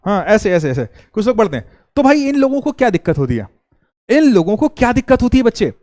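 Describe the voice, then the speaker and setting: High-voiced male teacher quizzing students. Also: a little mellow, no room sound, studio quality. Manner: keeps asking the students questions and repeats key terms; addresses students directly, chatty and informal. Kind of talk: live online class lecture.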